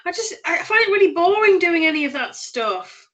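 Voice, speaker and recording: A woman on a video call talks frankly with her business coach. Her voice is high and bright and swings widely in pitch. She is lively and open about what she likes and dislikes. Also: normal speed. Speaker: coaching client.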